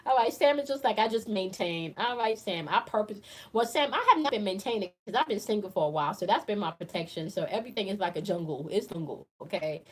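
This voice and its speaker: Chatty and playful, this forties-aged woman runs a casual live chat, laughing a lot as she reads viewers' comments aloud and replies to "y'all." She speaks quickly at medium pitch with lively intonation.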